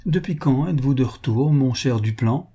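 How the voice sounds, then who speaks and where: A man's voice: mid-range voice, expressive, moderate pace, dark tone, slightly rough, pitched above the performer's own voice. A man voicing a scheming older baroness who arranges marriages, speaking in a pointed, incisive tone. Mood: haughty pointed. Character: scheming older female matchmaker baroness, haughty.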